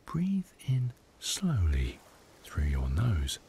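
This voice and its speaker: Male meditation guide, deep-ish voice, very unhurried, gentle hushed and whispery narration. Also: wildly swooping pitch, a little hiss or hum. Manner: soft, hushed delivery, often slipping into a whisper.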